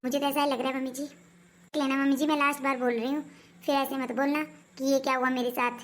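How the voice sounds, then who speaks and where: A woman's voice: sits high, level tone, fast talker, lightly acted. A woman playing a nagging married daughter. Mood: scolding. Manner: nagging, reproachful. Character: meddling married daughter visiting her mother, grown woman. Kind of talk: amateur family skit.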